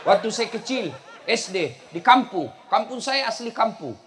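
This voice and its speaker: A man preaching a humorous sermon, telling stories with jokes and bursting out loudly at times. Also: high-pitched, animated, normal speed. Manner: storytelling with jokes, sudden loud outbursts. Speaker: Islamic preacher. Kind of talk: humorous sermon to a live audience. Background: faint audience laughter.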